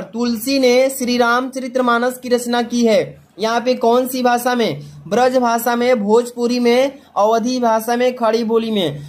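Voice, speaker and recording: A man with a Hindi accent from Uttar Pradesh, a teacher explaining an exam paper to students, often asking a question and answering it himself. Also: very high voice. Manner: rhetorical self-answering questions; slow sing-song recitation of verse.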